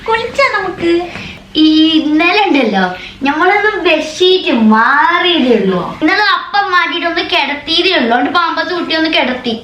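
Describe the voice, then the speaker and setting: Very high, bright woman. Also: animated, brisk. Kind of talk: casual chat at home. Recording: echoey home room.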